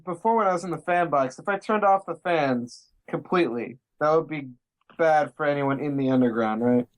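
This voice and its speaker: A young man at a tabletop game, slightly high-voiced, asking questions in a plain, casual way. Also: brisk. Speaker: player.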